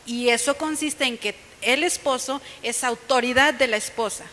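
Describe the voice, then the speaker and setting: A woman with a Mexican accent preaches a sermon, telling stories in a conversational way. Her voice is high and bright. It carries a long reverb from a church hall. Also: moderate pace. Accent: Mexican Spanish. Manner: conversational, storytelling, quoting others with lively put-on voices. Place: church sanctuary.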